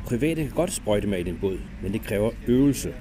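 A man reads a reportage voice-over in a scripted way. His pitch swings in a lively way. Loud noise sits behind the voice. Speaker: narrator. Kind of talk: scripted narration.

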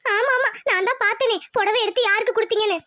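Lady doing a squeaky cartoon village wife, sulky and teasing, talks fast. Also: fairly even intonation, pushed and bright. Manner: sulky then playful, chiding.

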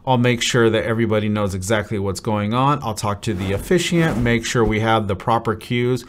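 A man's voice: on the low side, a little fast, a little hiss or hum. A man in his thirties, a wedding DJ, talking through a venue's event plan to camera in an upbeat, practical way. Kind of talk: venue overview talk to camera. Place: dim studio set with brick wall.

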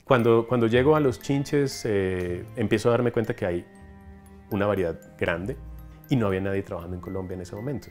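A man in his forties from Ecuador with a coastal Ecuadorian accent, telling stories with animated enthusiasm in a documentary interview, recorded on a lapel mic in a room lined with specimen cabinets. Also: on the low side, fairly quick, faint music behind. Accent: Ecuadorian coastal Spanish. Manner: animated, enthusiastic storytelling with hand gestures. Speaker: entomologist, collections coordinator.

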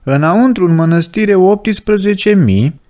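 A man's voice: high-pitched, expressive, a little mellow, pitched above the performer's own voice. A man voicing a proud male demon prince who commands a host of devils, read in a plain storytelling voice. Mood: boastful.

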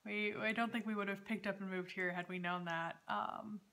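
A woman's voice: mid-range voice, steady tone, moderate pace, bright, forceful tone. A woman in her thirties hosting a casual, chatty vlog from a room at home, talking in a hesitant way. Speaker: knitting podcast host. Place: dining room at home, indoors.

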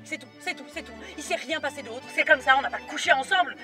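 Brief: actress as a stammering, defensive friend, very high voice, music under. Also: female voice, fast, close to an everyday voice. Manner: stammers and repeats words, snaps back. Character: flustered young woman friend, stammering and defensive. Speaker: best friend on the phone. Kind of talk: film acting. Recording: film soundtrack with music underneath.

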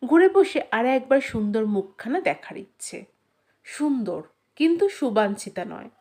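In this expressive, scripted reading of a literary short story, the female narrator uses a higher voice with highly animated intonation. She paces her phrases deliberately and leans on dramatic pauses.

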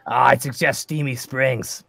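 Male tabletop player, gravelly and dry-sounding, chatty, sweary casual banter. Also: medium pitch, steady tone, a little slow, a bit bright, no room sound.

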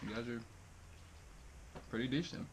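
A man's voice: medium pitch, moderate pace, background noise. A young man giving a blunt, offhand food review while talking with his mouth full. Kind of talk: casual vlog review.

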